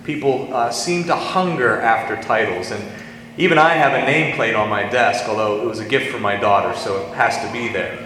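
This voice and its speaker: A man, preaching a sermon in a folksy storytelling way and slowing down on scripture quotes. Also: fairly low pitch, bright, forceful tone. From western Pennsylvania, US. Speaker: pastor. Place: large reverberant church. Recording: echoey church hall, faint hum.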